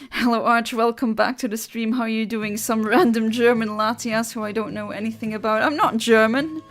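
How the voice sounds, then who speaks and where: A woman's voice: a little high, fairly even intonation, normal speed, faint music behind. A young woman from Luxembourg, chatting on a livestream headset mic, reading out viewer comments and giggling between rambling asides.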